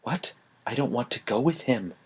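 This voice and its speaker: A man voicing a nervous, reluctant young woman who speaks softly and breathily. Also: a little high, very animated, unhurried, no echo, pitched above the performer's own voice, heavily acted. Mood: protesting. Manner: soft, breathy and hesitant.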